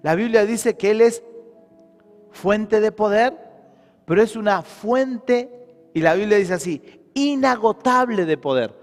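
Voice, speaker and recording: A man's voice: sits high, takes it slowly, long pauses, big-room sound, soft background music. A man preaching a sermon as pastor, with a Rioplatense Spanish accent, emphatic and full of rhetorical questions.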